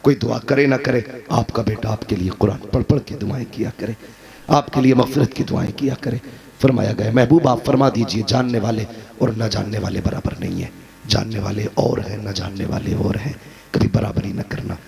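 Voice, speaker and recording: A man preaching a sermon, rising to loud emphatic peaks and then dropping low. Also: fairly even intonation, moderate pace, vocal fry. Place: gathering with a live crowd. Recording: crowd responding audibly.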